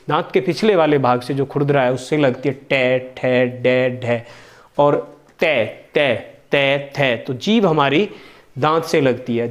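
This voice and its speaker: A man teaches a grammar lesson in a patient, explanatory way, often repeating key terms. He slows down to stretch and repeat single syllables as examples. His voice sits a little high for a man. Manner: slow, repeated demonstration of sounds, stretching syllables. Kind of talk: Hindi grammar lesson on places of articulation.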